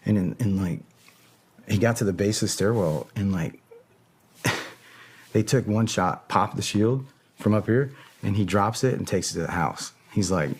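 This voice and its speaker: A man's voice: fairly low pitch, measured pace, pauses often, a little hiss or hum. A man, a podcast guest, telling a story in casual talk, swearing bluntly and often stopping to search for words. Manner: profane, blunt and hesitant.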